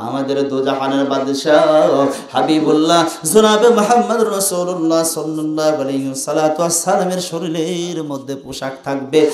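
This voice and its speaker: Fiery preacher, echoing sound. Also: male voice, a little high. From Bangladesh. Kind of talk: fiery sermon. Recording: echoey, roomy sound.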